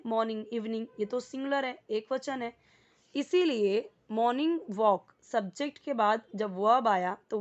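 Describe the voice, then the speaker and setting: Higher-voiced Indian woman teaching English. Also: lo-fi sound. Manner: explains slowly, repeating words and spelling out meanings. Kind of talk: spoken English lesson.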